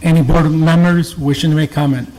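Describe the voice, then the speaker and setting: A man serving as board chair, moving briskly and in a businesslike way through meeting procedure. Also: fairly high pitch, steady tone, background noise. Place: town hall council chambers.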